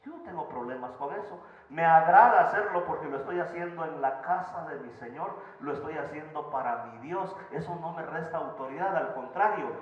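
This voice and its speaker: A pastor preaching a sermon in a church, swinging from loud emphasis to soft, quiet asides. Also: male voice, fairly high pitch, a little fast, hardly any pauses. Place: church sanctuary. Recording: echoey church hall, slightly dull sound.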